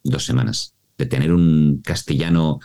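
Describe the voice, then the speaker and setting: Spanish guy from mallorca, super deep mellow voice, voice coach explaining stuff in a podcast, keeps saying vale. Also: unhurried. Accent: Spanish from Spain. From Mallorca, Spain. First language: Mallorcan Catalan alongside Spanish. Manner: expressive teaching tone, often checks in with "¿vale?". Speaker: voice-over artist and voice coach.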